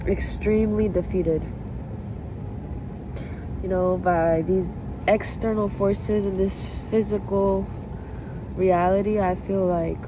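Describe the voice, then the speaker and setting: A woman vlogger with a mid-range voice chats casually and confessionally to camera over background noise. She rambles introspectively, repeating herself and often saying "like."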